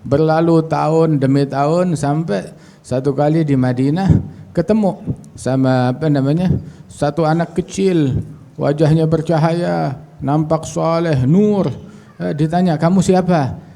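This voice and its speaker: A man's voice: on the high side, fairly even intonation, a little slow, vocal fry, mellow. A man preaching and telling a story at a religious gathering. He recites Arabic phrases, explains them in casual everyday speech, and acts out the dialogue.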